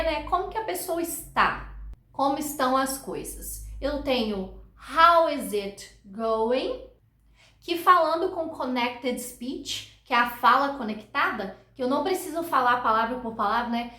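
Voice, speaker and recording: A woman's voice: sits high, fairly bright tone, roomy sound. A Brazilian woman with Portuguese as her first language, giving an upbeat online English lesson and modelling phrases for students to repeat. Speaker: English teacher.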